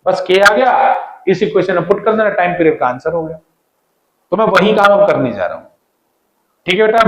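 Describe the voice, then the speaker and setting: A man's voice: high voice, fairly bright tone. A man teaching physics in a classroom-style lecture, repeating key points and asking students questions as he goes. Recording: echoey room.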